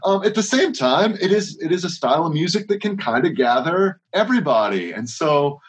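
A worship leader with a voice on the high side speaks in an animated, brisk way during a casual interview. His rambling answers are full of restarts and strings of rhetorical questions.

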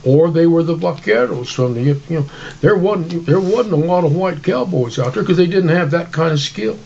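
Male co-host, higher-pitched, folksy and rambling, informal history chat, slightly muffled recording. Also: lively intonation, normal speed, gravelly, darkish tone. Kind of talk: casual history discussion.

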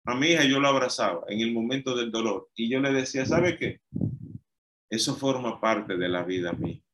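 A man's voice: mid-range voice, normal speed, a bit bright. A man preaching an emphatic, repetitive sermon. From Dominican Republic.

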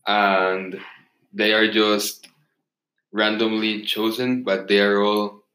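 A young man as the expert guest in a casual interview, giving halting answers with pauses. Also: on the low side, little pitch movement, sharp tone. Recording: echoey room.

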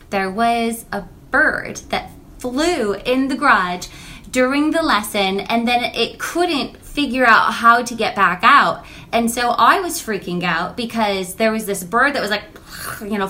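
A woman in her thirties, a music teacher, chatting casually and telling animated stories about her lessons. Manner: animated storytelling, acts out quotes in a high voice.

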